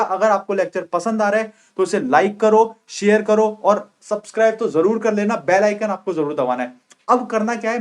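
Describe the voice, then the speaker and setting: A young man teaching an exam-prep vocabulary lecture, repeating each point and often checking whether students are clear. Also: high-pitched.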